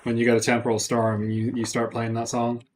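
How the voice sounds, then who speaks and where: A man's voice: mid-range voice, completely flat delivery, brisk, a little mellow, slight background noise. A man giving casual gameplay commentary on a livestream, thinking aloud and joking with his chat. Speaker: streamer.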